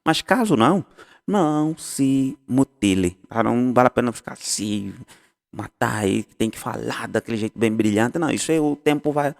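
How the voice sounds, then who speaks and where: A man gives a casual English lesson, swinging his pitch widely as he explains. He repeats example phrases and corrects himself as he goes. His voice carries a long hall reverb. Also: expressive, moderate pace, gravelly. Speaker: English teacher.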